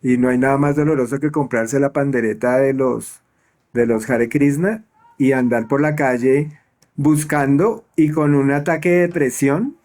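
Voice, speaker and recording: A man's voice: mid-range voice, normal speed, darkish tone. A man talking reflectively in a conversation, often stumbling and repeating words while he thinks.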